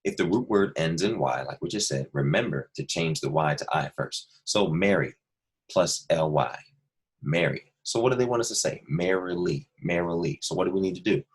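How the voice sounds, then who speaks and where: A man's voice: deep voice, expressive, moderate pace, husky. A male second grade teacher patiently walking young students through a worksheet, explaining each step and repeating key points. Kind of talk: remote lesson walkthrough.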